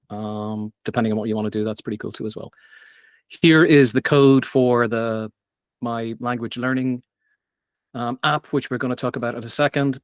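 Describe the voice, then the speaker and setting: A man with a mid-range voice speaks loosely during an improvised technical meetup presentation, peppering it with ums and restarts. The recording is dry, dull, and lo-fi.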